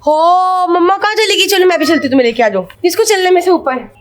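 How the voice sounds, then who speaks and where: A woman's voice: extremely high pitch, fast talker. A woman chatting casually with family and children, teasing and affectionate. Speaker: family member.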